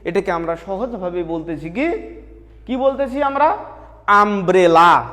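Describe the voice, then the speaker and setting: A man's voice: high-pitched, expressive, moderate pace, big-room sound. A Bangladeshi man teaching an English lesson, asking questions and answering them himself, spelling words out letter by letter. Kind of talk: recorded online lesson.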